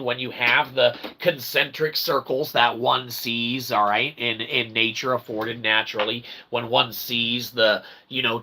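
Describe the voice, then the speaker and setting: With a creaky, sharp-toned mid-range voice, the host of this channel delivers a wandering philosophical bit to camera, laced with jokes. His language is elaborate and pseudo-formal, repetitive, and peppered with casual profanity. Background noise is noticeable throughout.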